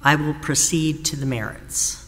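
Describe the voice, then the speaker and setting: A woman defense attorney giving a formal appellate oral argument in a measured, deliberate way, pausing often on "uh". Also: low voice, fairly even intonation, a bit bright, a little hiss or hum. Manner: measured, deliberate, with frequent "uh" pauses. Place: courtroom. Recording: reverberant courtroom sound.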